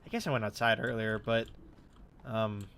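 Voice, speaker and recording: A man records let's play commentary from his room, his slightly stuffy nose audible as he swears casually and thinks out loud. His lowish voice is clean and fairly bright, with fairly even intonation and a moderate pace.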